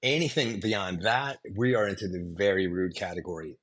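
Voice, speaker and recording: A man's voice: sits low, moderate pace, a bit bright. A man casually explaining English phrases to learners, often checking in with "okay?". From United States. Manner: emphatic, repeats "okay?" to check in. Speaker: English teacher content creator. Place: home in France.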